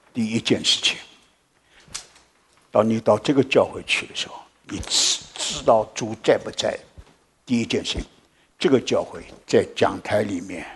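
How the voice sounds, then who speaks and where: A man preaching a sermon and telling a story to his congregation, jumping from loud exclamations to hushed whispers and mixing English words into his preaching. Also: on the low side. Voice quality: very husky.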